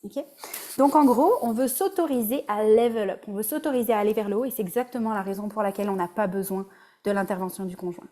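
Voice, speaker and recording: Speaking quickly in a medium-pitched voice with a dark tone, a Québécois woman gives a laid-back webinar talk. She works as a relationship coach and mixes English words into her French.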